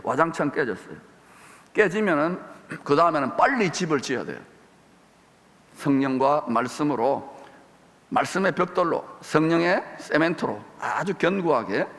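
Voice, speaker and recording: A man's voice: mid-range voice, long reverb tail. A man preaching a sermon as pastor, making emphatic declarations. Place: church sanctuary.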